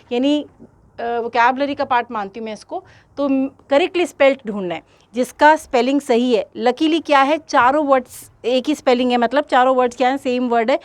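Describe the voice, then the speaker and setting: A woman teacher going through exam questions step by step, speaking straight to her students. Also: sits high. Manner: explains step by step, addresses students directly. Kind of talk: exam-prep lesson in Hindi-English mix.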